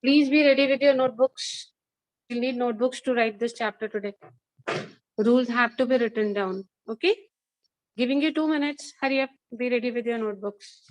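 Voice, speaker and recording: A woman's voice: fairly high pitch, fairly even intonation, a little fast, dry recording, poor audio. A woman with an Indian accent, a school teacher instructing an online class, repeating herself and checking in with questions.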